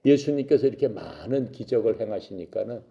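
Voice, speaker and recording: A man's voice: lowish voice, expressive, brisk, gravelly, mellow, dull audio. A man telling a Bible story to young people, asking questions and answering them himself. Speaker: Bible teacher for youth.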